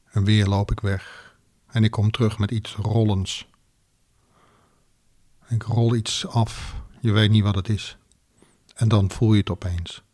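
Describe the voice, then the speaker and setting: A man narrating a second-person erotic audio story in a slow, deliberate, commanding way. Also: fairly low pitch, little pitch movement, a little mellow.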